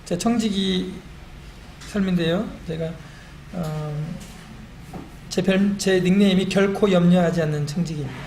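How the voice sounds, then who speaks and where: A middle-aged man giving a church testimony, animated and self-deprecating, recorded in a church meeting hall. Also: sits high, a little slow, pauses often. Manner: animated and self-deprecating, quotes his own prayers. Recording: echoey hall with faint room noise.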